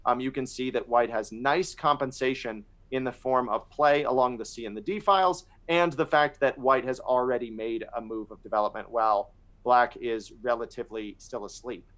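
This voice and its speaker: A male chess co-host with an ordinary pitch reflects on games and principles in a casual, considered way. His sentences tend to trail off quietly as he finishes a thought. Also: normal speed. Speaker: chess commentator.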